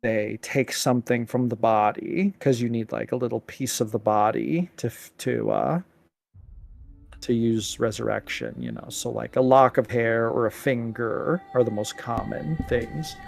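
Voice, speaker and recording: A man's voice: mid-range voice, unhurried, creaky, a little mellow. A man playing a tabletop game, talking casually and describing his character's actions in an informal way.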